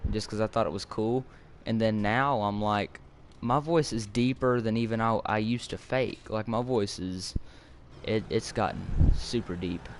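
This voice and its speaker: A fourteen-year-old boy hosts a gaming video, chatting casually with viewers as he plays a farming game, rambling and repeating words as he starts his sentences. His voice is fairly low, with a little hiss or hum in the audio.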